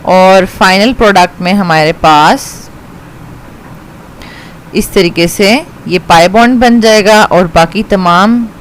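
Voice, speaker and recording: A woman with a Pakistani accent teaches chemistry, patiently walking through a reaction step by step and frequently checking on her students. Her medium-pitched voice moves slowly, she often says "ठीक है" to confirm understanding and mixes in English, and the poor audio carries a slight hiss or hum.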